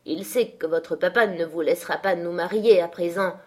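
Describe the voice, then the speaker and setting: Cowardly, sickly young man, high and whiny, as a woman narrator puts him on, storybook reading. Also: normal speed, darkish tone, natural voice. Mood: petulant.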